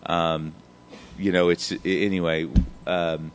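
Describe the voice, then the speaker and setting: Man, 30s, low-pitched; candid and emotional recovery testimony, rambling and salty. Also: little pitch movement, slow, smooth. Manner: emotional, rambling, says "man" a lot, swears casually. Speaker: recovery speaker sharing his story.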